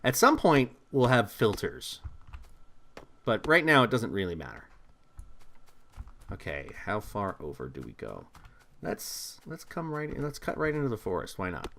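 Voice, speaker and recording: A man in casual chat while playing a game with his brother, joking and talking quickly. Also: lowish voice, huge pitch swings, vocal fry, a bit bright, a little hiss or hum. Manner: joking, quick, breaks into laughs.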